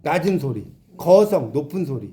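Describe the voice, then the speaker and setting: A man's voice: on the high side, very animated, moderate pace, mellow. A man giving a classroom lecture, explaining with examples and asking his students questions. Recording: echoey classroom.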